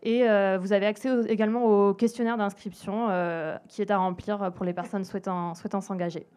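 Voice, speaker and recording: Speaking briskly in a steady, somewhat dark mid-range voice, a charity program speaker describes a mentoring scheme for refugees to an audience in an event hall. Her public talk is full of hesitant fillers.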